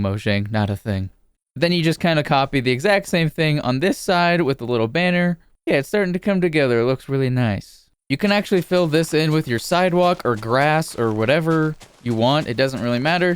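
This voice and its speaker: A man narrating a casual game building tutorial as a YouTuber, speaking informally in a steady, repetitive cadence. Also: a little high, brisk, clean tone, no echo.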